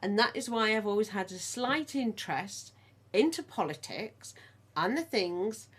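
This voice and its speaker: A middle-aged woman with an English Midlands accent talks in a loose, casual podcast chat. Her pitch swings up and down animatedly as she tells stories. She laughs often along the way. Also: a bit bright. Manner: chatty storyteller, laughs often. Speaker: podcast co-host.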